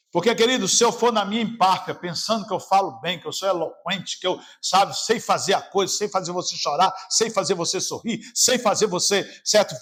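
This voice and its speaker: During a church service, a man preaches as pastor in a Brazilian Portuguese accent, alternating between shouting and dropping to a hushed voice.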